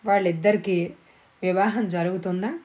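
Woman, audiobook narrator, storybook narration, measured dramatic phrasing, mellow tone. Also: fairly low pitch, steady tone, rough recording.

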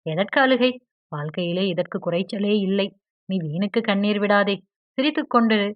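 A teasing, wry young man from a storybook reading, as a woman reads him. The voice sits at an ordinary middle pitch with a light, lifted delivery. The sound is dry and a little dull. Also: normal speed, no room sound, natural voice. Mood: coaxing. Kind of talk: audiobook character dialogue. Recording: dry, slightly dull audio.

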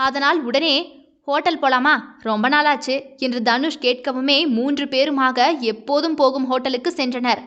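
A woman narrating an audio novel in a steady, even storytelling way. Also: high-pitched, highs cut off.

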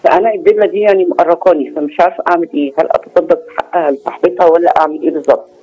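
A woman with an Egyptian accent calls in to a television show over a muffled, lo-fi phone line. She sets out her questions one by one and keeps checking that she is understood. She talks very fast. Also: on the low side, steady tone, mellow, slightly rough. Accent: Egyptian Arabic. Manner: lays out questions step by step, checking in with "tamam". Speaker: caller.

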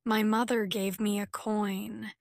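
Woman narrator, very slow pace, dry close recording, clear careful reading. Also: medium pitch, flat delivery, dry recording. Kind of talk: graded-reader story narration.

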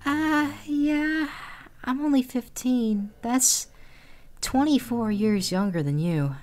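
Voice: medium pitch, slow pace, darkish tone, pitched above the performer's own voice. A creator using a voice changer to play a shy, hesitant fifteen-year-old decoy who stammers and trails off. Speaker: host posing as a teen.

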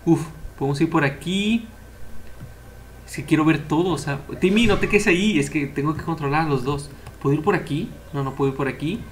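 Excitable young man playing a game. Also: on the high side, a little fast, slight background noise. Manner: excitable, chatty, cheers on the characters. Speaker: gameplay commentator. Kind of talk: casual let's-play commentary.

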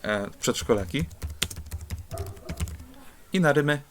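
A male teacher walks students through a lesson at an even, medium pitch. He explains patiently and step by step, pausing with small hesitations as he points to examples. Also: a little hiss or hum. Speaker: Polish teacher.

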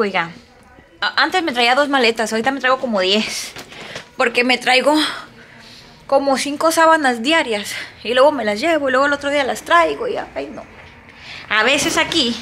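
A woman's voice: a little high, background noise. A woman chatting casually to her viewers in a vlog, talkative and full of exclamations. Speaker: vlogger. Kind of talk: casual vlog chat to camera.

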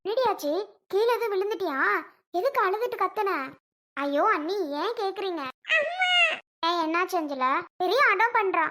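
A woman's voice: extremely high pitch, expressive, moderate pace, a bit bright. A woman voicing a touchy young mother who picks a fight in an indignant, quarrelsome way.

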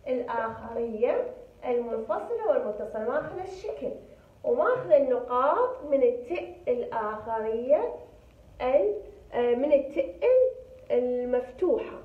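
An Iraqi woman with a high voice gives a patient spelling lesson to young pupils. She says words slowly, repeats them and stresses each sound. The recording is thin and phone-like, with an echoey room around her. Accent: Iraqi Arabic. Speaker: primary school teacher.

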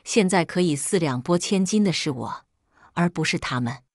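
A woman's voice: on the low side, expressive, moderate pace, no room sound, studio quality. A woman reading a first-person family quarrel story in a scripted, dramatic storytelling way.

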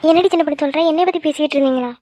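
A woman voicing a tender, emotional middle-aged mother in a cartoon, talking quickly and fondly. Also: high-pitched, mellow, no echo, lightly acted. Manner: affectionate, quick, tearful at times. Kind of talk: cartoon voice acting. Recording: dry, dull lo-fi recording.

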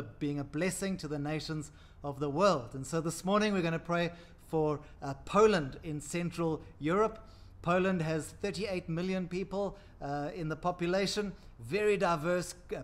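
Upbeat pastor talking to camera. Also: male voice, on the high side. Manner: upbeat, talks with his hands, frequent uhs. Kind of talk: church prayer segment to camera. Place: indoor room before a world map.

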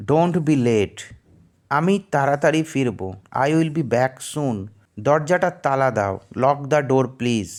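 Male English teacher, slow, sing-song phrase-by-phrase reading for learners. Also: on the high side, darkish tone. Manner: says each Bangla phrase, then its English translation slowly.

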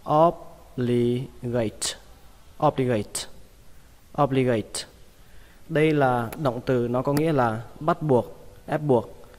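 A man teaching English vocabulary, repeating each word slowly and patiently. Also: mid-range voice, in a large hall. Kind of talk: vocabulary lesson.

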